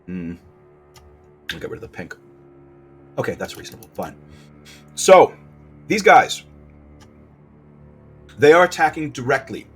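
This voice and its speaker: Speaking in a husky voice on the low side, this gameplay commentator casually narrates a let's play. He lays out his plan one card at a time, using fillers and correcting himself as he goes.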